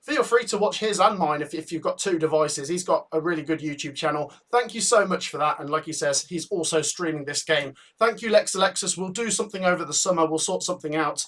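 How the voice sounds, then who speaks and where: A man's voice: fairly high pitch, fairly quick, hardly any pauses. A man, hosting a casual football watch-along stream, chatting and reading viewer comments aloud. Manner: chatty, reads viewer comments aloud, thanks donors warmly. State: out of breath. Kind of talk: casual live-stream chat.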